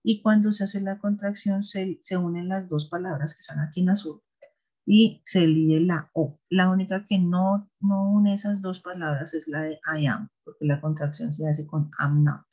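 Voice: mid-range voice, steady tone, normal speed, a little mellow. An English teacher giving a recorded class explanation, patient and often stopping to check that students follow along. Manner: patient, checks understanding with repeated "¿listo?". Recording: dull lo-fi recording.

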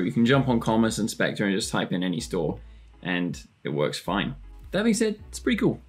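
Gravelly-voiced man with a casual chat. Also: mid-range voice. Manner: chatty, self-deprecating and joking. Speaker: tutorial presenter. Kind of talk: casual screen-share walkthrough.

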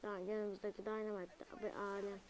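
A young woman commentating her own gameplay, alternating muttered remarks with loud frustrated outbursts and asides to viewers. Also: mid-range voice, brisk, a little hiss or hum. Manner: excitable, frustrated outbursts at the game; talks to viewers, asks them to subscribe. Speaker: gaming video creator; student.

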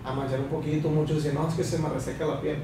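On a casual podcast, a young barber from Sinaloa, Mexico, speaks at a quick pace in a fairly high, level voice, explaining things at length with many fillers. A far camera mic in the small mirrored room leaves the audio echoey with background hiss.

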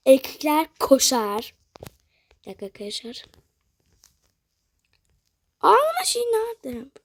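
A young woman narrating and voicing characters in a toy-style game role-play, swinging between loud excited lines and hushed whispers. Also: fairly high pitch, slightly rough. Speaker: toca life roleplay creator.

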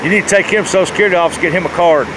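With rushing river water and outdoor ambience behind him, a middle-aged man speaks casually in a high-pitched voice for his outdoor fishing vlog. His manner is folksy and plain. He records on a handheld phone at arm's length from a rocky riverbank, and the audio is noisy.

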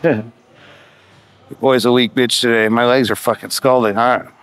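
A man's voice: mid-range voice, fairly even intonation, normal speed, a bit bright, clean tone. A man in his thirties talking like a gym bro in a casual workout vlog, grumbling and self-deprecating, with profane slang. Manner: grumbling, self-deprecating complaints while working out. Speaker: fitness vlogger. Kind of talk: casual vlog chat to camera. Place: large gym, indoors. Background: music.

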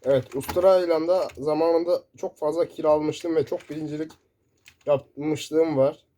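A man commentating his own first-person shooter gameplay, excitable and shouting in bursts, keyboard clicks close by. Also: on the high side, measured pace. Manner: excitable, shouting in sudden bursts during play. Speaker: gaming YouTuber. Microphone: desk mic picking up keyboard. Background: loud keyboard typing.

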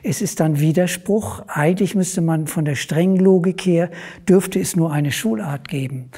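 Husky, mellow man telling an example. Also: on the high side, moderate pace. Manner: anecdotal, thinking aloud. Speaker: discussion guest. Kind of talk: academic discussion.

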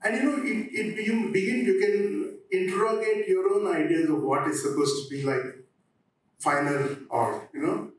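Echoey older man, halting. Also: high-pitched. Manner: halting, with frequent pauses and restarts. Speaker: theatre practitioner on a discussion panel. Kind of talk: reflective panel talk. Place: on stage in an auditorium. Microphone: handheld microphone. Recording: very echoey hall, distant, slightly noisy.

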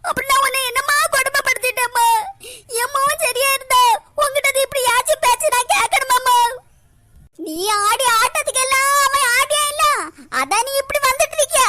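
A bitter, quarrelsome old mother-in-law voiced by a woman scolds in a very high, piercing cartoon voice. Her bright, sharp tone carries sarcasm and self-pity as she nags her daughter-in-law. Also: fairly even intonation, fairly quick. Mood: scolding. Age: older. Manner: scolding, sarcastic, breaks into crying. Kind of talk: cartoon comedy voice acting.

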